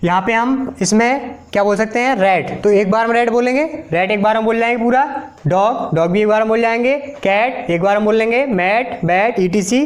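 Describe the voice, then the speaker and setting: Man teaching slowly, repeating each word. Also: sits high. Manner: slow, repetitive, drills words one at a time. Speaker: English teacher. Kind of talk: explaining a lesson while writing on a board.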